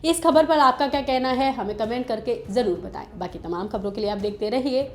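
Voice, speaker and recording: A woman anchor reading a scripted news report in Hindi style, brisk, opening with dramatic rhetorical questions. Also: on the high side. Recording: music bed behind voice.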